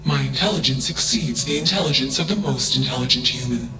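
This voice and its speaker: A man voicing a cold, logical male AI robot in a video game, speaking in a flat, emotionless way and tagging each statement with a one-word label. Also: medium pitch, fairly quick, over music, poor audio. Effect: flat emotionless machine voice.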